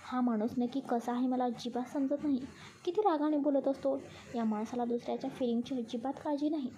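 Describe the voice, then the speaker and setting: A woman's voice: high voice, steady tone, brisk, mellow, natural voice. A woman voicing a sensitive, easily frightened young woman who scolds and teases in a storybook reading. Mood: angry. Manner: reproachful, teasing with her friend.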